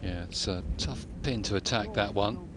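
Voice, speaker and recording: A man comments live on golf in a fairly low voice. The outdoor broadcast carries clear background noise. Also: normal speed.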